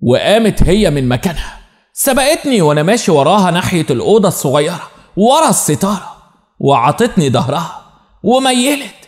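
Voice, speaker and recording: An expressive Egyptian man telling a first-person story with plenty of drama. His voice sits high and moves a lot in pitch, and a long reverb hangs on each phrase. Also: a little fast. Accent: Egyptian Arabic.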